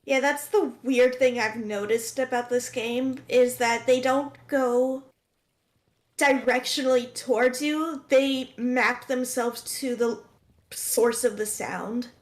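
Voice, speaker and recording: A woman in a casual chat while a game is played, excitable and shouting advice at the player. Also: on the high side, slow pace. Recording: echoey room.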